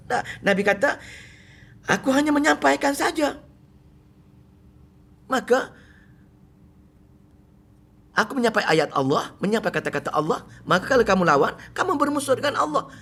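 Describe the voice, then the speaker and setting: A middle-aged man with a Malaysian Malay accent giving a mosque lecture on Quran commentary, animated and full of rhetorical questions. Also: high-pitched, normal speed, long pauses, slightly rough. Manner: animated, rhetorical questions, acts out quoted speech loudly.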